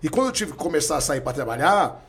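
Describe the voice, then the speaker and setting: Quick-talking Brazilian man telling stories. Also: a little high. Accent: Brazilian Portuguese. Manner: fast, animated storyteller. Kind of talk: casual conversation.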